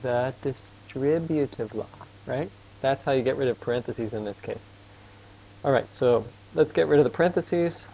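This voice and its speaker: This informal math tutor has a medium-pitched, creaky voice with a dark tone. He stays casual and patient, quizzing his student as he goes and admitting that he talks fast, and the rough recording has a bit of hiss or hum.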